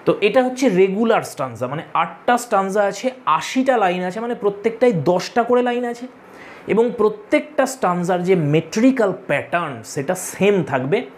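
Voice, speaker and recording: A man's voice: high-pitched, animated, moderate pace. Man tutoring, repeating key points. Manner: addresses students directly, tells them to take notes. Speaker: literature tutor. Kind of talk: online lecture to exam students.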